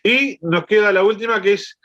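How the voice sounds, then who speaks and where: A man's voice: high-pitched, moderate pace, fairly bright tone, highs cut off. A man leading a Bible lesson over a video call, explaining and often checking in with his listeners. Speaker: Bible study teacher.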